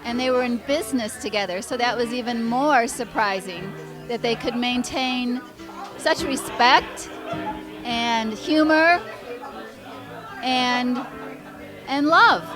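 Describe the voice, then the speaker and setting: A woman giving a tribute speech, reminiscing in a slow, rambling way. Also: fairly high pitch, music in the background, crowd noise. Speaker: memorial speaker.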